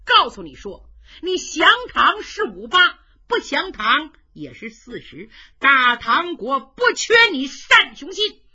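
Stern scolding strategist guy, woman storyteller doing him, bright, lo-fi. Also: sits high, sing-song, slow pace, pitched above the performer's own voice, heavily acted. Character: indignant, scolding male strategist. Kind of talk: traditional storytelling.

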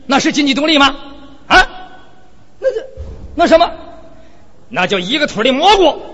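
A gruff, hot-tempered fighter in a told story, voiced by a man, scolding and threatening with a lively rise and fall. It sounds dull and lo-fi, with a long reverb from a hall. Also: very high voice, normal speed, pitched above the performer's own voice, heavily acted. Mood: bullying. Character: rough, bullying male fighter, quick to threaten.

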